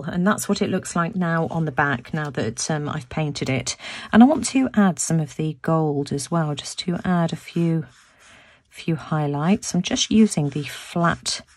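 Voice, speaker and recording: At a tabletop in her home craft room, a woman with a low, croaky voice narrates a casual craft tutorial for her video. She is chatty and thinks aloud as she works, restarting sentences and often repeating words.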